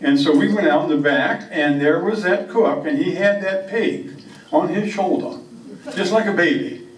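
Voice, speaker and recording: A man telling comic stories on stage in a folksy, unhurried way. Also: high-pitched. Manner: folksy, unhurried yarn-spinning. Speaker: humorist, storyteller. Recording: echoey room, distant microphone.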